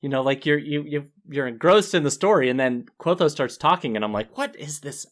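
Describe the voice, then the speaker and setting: A man's voice: a little high, lively intonation, fairly quick. A man co-hosting a podcast in casual chat, talking easily and laughing often. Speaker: podcast co-host.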